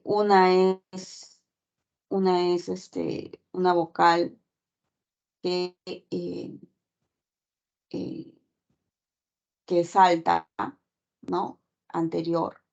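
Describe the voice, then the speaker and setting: A woman's voice: fairly low pitch, gravelly, a little mellow. A woman teacher giving a class lecture, explaining step by step and checking in with constant tag questions. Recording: dull lo-fi recording.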